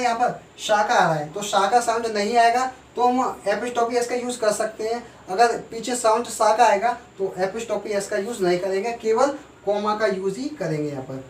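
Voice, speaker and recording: दूर से गूँजती आवाज़ में पढ़ाता शिक्षक. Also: male voice, high-pitched. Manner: explains slowly, asks and answers his own questions. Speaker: teacher. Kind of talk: classroom grammar lesson. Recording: echoey room, voice from far off, faint noise.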